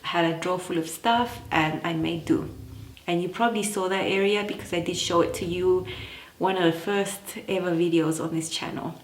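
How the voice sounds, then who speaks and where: A woman's voice: lowish voice, fairly even intonation, moderate pace. A woman from Chile, a sewing vlogger chatting casually to camera and laughing often between points. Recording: echoey room.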